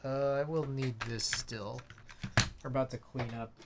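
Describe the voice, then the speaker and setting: A man's voice: mid-range voice, a little slow. A man hosting a casual livestream while he works, talking informally, half to himself and half to viewers. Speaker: livestream host. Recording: clicks and steady background noise.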